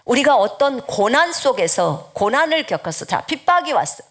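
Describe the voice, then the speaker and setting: A woman missionary delivers a sermon in a fairly high voice. She preaches earnestly and exhorts her listeners, often sinking into hushed, whispered pleading. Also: big pitch swings, moderate pace.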